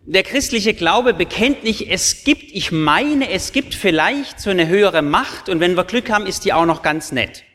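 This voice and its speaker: A man's voice: high voice, expressive, moderate pace, few pauses, fairly bright tone. A male pastor preaching a sermon to confirmands, earnest and emphatic, speaking directly to his listeners. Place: church. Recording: long church reverb.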